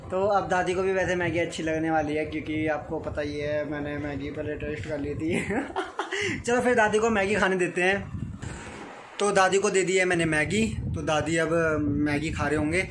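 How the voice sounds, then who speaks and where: A young man whose voice is a little high talks at a moderate pace with fairly even intonation. Indoors at the family home, he makes a casual vlog, chatting playfully and coaxingly with a small child over noisy background audio.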